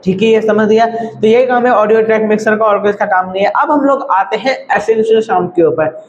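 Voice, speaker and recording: Casual male tutor, high voice, muffled home recording with light hiss. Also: brisk. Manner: chatty, repeats "thik hai" and "bhai". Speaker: video editing tutor.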